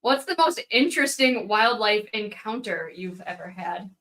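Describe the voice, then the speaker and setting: A woman who owns a small business, chatting casually and teasing with quick remarks. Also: mid-range voice, expressive, a bit bright. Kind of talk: casual chat.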